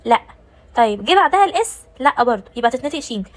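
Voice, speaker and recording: A woman's voice: on the high side, very animated, racing, low-quality recording. A woman with an Egyptian Arabic accent teaching German pronunciation, explaining step by step and answering her own questions. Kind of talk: pronunciation lesson.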